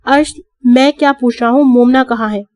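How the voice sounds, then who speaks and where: A woman's voice: fairly high pitch, steady tone, darkish tone, no room sound, lightly acted. A woman voicing a stern young male police officer, curt and commanding.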